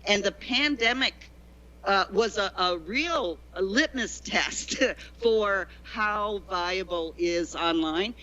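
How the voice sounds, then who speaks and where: A woman's voice: mid-range voice, sharp tone, highs cut off. A woman guest telling long, digressive stories about teaching, chatting casually in an interview. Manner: chatty, digressive storyteller with many restarts. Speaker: guest, former teacher in China. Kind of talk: conversational interview.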